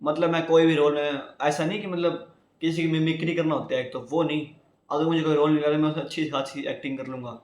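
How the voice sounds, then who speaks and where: A young man from India chats on about himself in a loose, rambling way, often turning to his viewers. His voice sits a little high for a man. The room around him rings with echo. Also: level tone, fast talker, a little mellow. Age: young adult. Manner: chatty, rambling, addresses viewers as guys. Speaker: YouTuber. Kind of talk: casual vlog talk.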